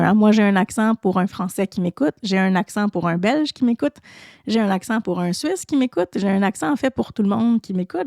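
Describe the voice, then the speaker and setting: Her voice is medium in pitch, gravelly and darkish, captured in studio quality with no room sound. She is a Quebec-accented French teacher hosting a relaxed solo podcast. Conversational in manner, she restarts frequently and sprinkles in "tu sais."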